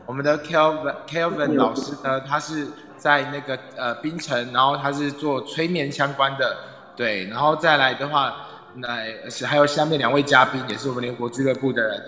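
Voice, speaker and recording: As club president, this host runs a live online audio room in a relaxed way, often saying phrases twice as he gets things in order. He has a Taiwanese Mandarin accent and a medium-pitched, steady, bright, forceful voice at normal speed, captured in an echoey recording with long reverb.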